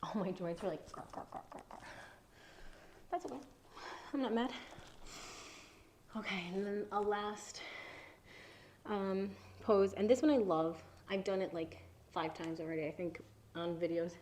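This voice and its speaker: A woman in her thirties guiding a relaxed mobility flow, talking softly and breathily with many half-whispered cues. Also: mid-range voice, unhurried, pauses often, slight background noise. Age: 30s. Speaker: yoga instructor.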